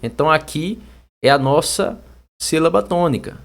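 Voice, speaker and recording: Brazilian guy teaching portuguese for exams, kinda high voice, super lively up and down, yells words out sometimes. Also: normal speed, vocal fry. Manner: lively, chatty, calls out words loudly to find the stress. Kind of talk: exam-prep lesson.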